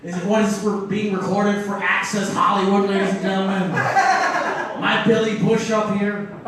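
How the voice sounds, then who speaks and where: A man's voice: sits high, moderate pace, recorded from a distance, noisy background. A man doing a stand-up comedy set on a club stage, riffing loosely and making fun of himself. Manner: riffing, loose and self-mocking. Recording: echoey room, voice from afar.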